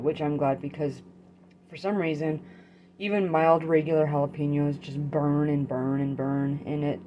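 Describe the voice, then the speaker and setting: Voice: medium pitch, dark tone, a little hiss or hum. Matter-of-fact co-host, casual vlog. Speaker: co-host tasting peppers.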